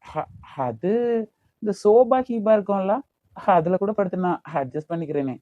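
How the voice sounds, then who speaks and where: A man's voice: sits high, expressive, unhurried, no echo, narrow, tinny audio. A man voicing a protective, teasing older brother in a cartoon, with a Kanyakumari Tamil accent. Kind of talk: amateur cartoon voice acting.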